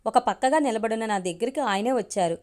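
A woman voicing a clever young male driver in a storybook reading, calm and polite with a pointed edge. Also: fairly high pitch, quick pace, lightly acted.

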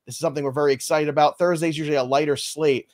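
A man hosts a live fantasy baseball show, setting up segments with playful, upbeat energy. His voice sits a little higher than most men's. He banters freely and is a bit boastful. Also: steady tone, racing. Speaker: host.

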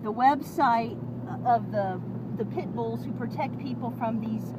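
A woman with a high voice talks into a handheld phone outdoors in a parking lot. She stays polite but keeps pressing for clear answers, asking again and again until she gets them. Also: measured pace, noisy background. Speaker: towing victim filming her ordeal. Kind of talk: handheld phone vlog and phone call. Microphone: phone camera held in hand.

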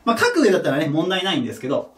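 Guy teaching english at a board, high lively voice, patient, bit far off the mic. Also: racing. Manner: patient, step-by-step, checks in with "right?"; self-deprecating about his own mistake. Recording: echoey room, voice from off the mic.

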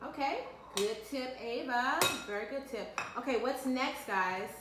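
In an echoey kitchen with a bit of background noise, a mother in her thirties leads a home cooking demonstration with her children, staying upbeat and coaching them one step at a time. She has a high-pitched voice and talks a little slowly. A camera mic a few feet away captures it.

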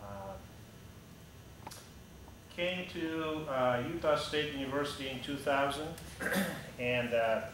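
A slow speaker with a medium pitch and long pauses, this Russian-accented pilot in his thirties gives a casual, blunt slide talk to a group, peppered with "uh"s and restarts as he stands gesturing. The camera is at the back of a large, echoey, hangar-like indoor room, so he sounds distant over a persistent hum.

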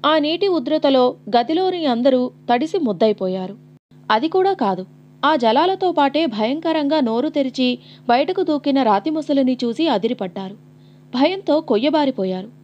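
High-voiced woman reading a novel dramatically. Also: lo-fi sound. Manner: dramatic, expressive storytelling. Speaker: audiobook narrator.

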